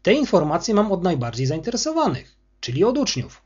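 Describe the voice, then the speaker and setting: A courteous, guarded headmaster in his sixties from an audiobook, read by a man. He speaks calmly but with lively pitch and a husky tone. The sound is dull and lo-fi. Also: brisk, full character voice. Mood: restrained. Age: 60s. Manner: polite, restrained, defensive. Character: older male school headmaster, calm but offended.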